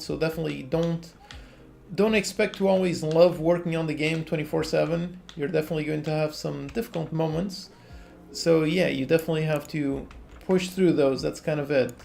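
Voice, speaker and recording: This Portuguese man in his thirties has a gravelly, fairly high voice and speaks at a moderate pace with a Portuguese accent. He's relaxed on a livestream, working on a game in his indoor home office while reading chat questions aloud and answering frankly, quiet lofi music running underneath.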